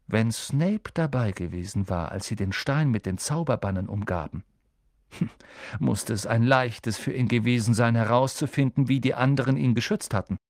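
A man narrating an audiobook in a scripted, expressive way. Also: mid-range voice, moderate pace, dry recording, clean studio sound. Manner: expressive, character voices.

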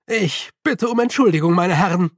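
A man's voice: sits high, normal speed, no echo, studio quality, pitched above the performer's own voice. A man reading an audiobook, voicing a confident young male con man with assured, raised commanding calls. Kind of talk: audiobook character voice.

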